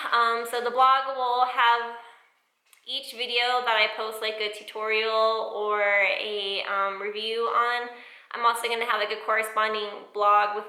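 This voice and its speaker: An American woman giving a casual, rambling vlog update in an informal, chatty way, recorded in an echoey room with high ceilings. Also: bright, forceful tone. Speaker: sewing vlogger. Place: indoors in new home, bare high-ceilinged room.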